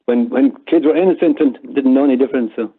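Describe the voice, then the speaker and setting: This older Irish interview guest chats and reminisces in a mid-range, slightly rough voice, moving at a quick pace and frequently repeating words. The audio is muffled and phone-like, with a narrowband quality.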